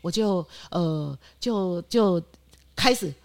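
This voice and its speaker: An older woman with a Taiwanese Mandarin accent, a guest telling lively anecdotes in a casual interview and acting out what people said. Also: on the low side, takes it slowly, gravelly. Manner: lively anecdotes, often acting out quoted lines and laughing.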